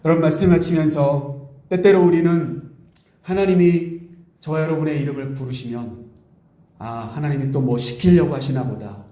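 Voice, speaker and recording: A male pastor preaching a Sunday sermon in an earnest, pleading way, sometimes speaking softly in God's gentle voice. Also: fairly high pitch, normal speed. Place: church sanctuary. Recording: echoey church room.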